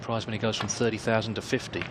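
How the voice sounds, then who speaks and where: A man commentating live on snooker in a hushed, measured way. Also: on the low side, little pitch movement. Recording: clear background noise.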